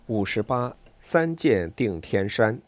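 Brief: male storyteller, animated and dramatic, pitch swinging widely, dry close recording. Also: takes it slowly, dry recording. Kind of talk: scripted narration of a historical tale.

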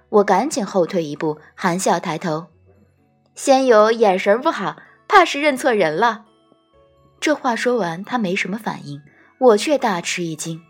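Woman reading a fantasy novel aloud, a little breathy, soft music behind her. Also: medium pitch. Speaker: audiobook narrator. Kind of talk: scripted storytelling narration.

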